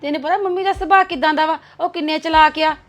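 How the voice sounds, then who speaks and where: A young actress playing a cautious, gossiping elder sister-in-law who talks in a confiding manner. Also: female voice, sits high, steady tone, fast talker, natural voice. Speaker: actor. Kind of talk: web series drama acting.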